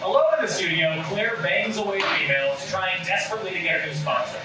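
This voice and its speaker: At a table read, a man reads the stage directions as scripted narration, his voice sitting high and his pace quick. The mic is roomy and distant, with loud background noise.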